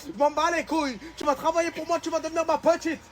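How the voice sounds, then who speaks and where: A man playing a boastful, domineering man who claims to be hell itself and bosses people around loudly. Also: very high-pitched, level tone, fast talker, voice pushed up. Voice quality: loud, domineering, bossy.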